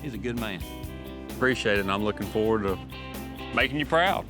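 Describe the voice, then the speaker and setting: A man's voice: on the low side, a little fast. A man with a Southern drawl from Alabama, talking on a reality show in a folksy, emphatic, ranting way. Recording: music behind the voice.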